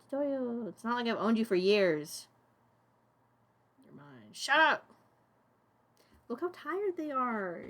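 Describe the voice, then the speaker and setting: A young woman streaming as she animates a puppet, chatting casually and muttering to herself as she works. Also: medium pitch. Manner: rambling, talks to herself and chat, mutters. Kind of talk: casual live-stream chat while animating.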